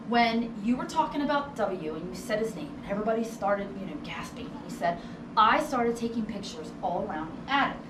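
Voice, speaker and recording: A woman working as a ghost tour guide, telling stories casually and conversationally, acting out what people said. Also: fairly high pitch. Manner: conversational, acts out quoted dialogue. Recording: roomy, distant mic with noticeable background noise.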